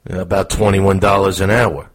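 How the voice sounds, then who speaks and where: A deep, husky and brash male butler in a comedic radio play. He barks every line loudly, far below a normal speaking voice. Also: level tone, normal speed.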